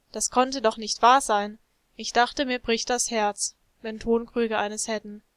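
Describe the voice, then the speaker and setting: A woman's voice: fairly high pitch, clean tone, dry recording. A woman narrating a first-person story as a clay jug, reading expressively.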